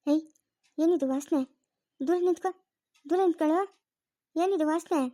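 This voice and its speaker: A woman's voice: extremely high pitch, fairly even intonation, normal speed, no room sound, clean studio sound. A woman playing a stern scolding mother. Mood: angry scolding. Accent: rural Karnataka Kannada. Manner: sharp, scolding. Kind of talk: amateur family drama acting.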